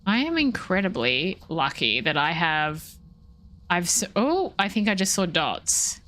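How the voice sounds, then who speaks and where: A woman's voice: lowish voice, big pitch swings, a little slow, a bit bright. A young woman chatting casually while streaming a game, rambling and breaking off mid-thought. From Australia. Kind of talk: casual chat while gaming live.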